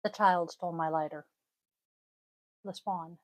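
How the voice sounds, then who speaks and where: A woman with a wheezy voice chats casually to viewers as host, rambling in a halting, self-deprecating way. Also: on the low side, steady tone, no echo. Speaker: host of a divination vlog. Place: indoors at a desk.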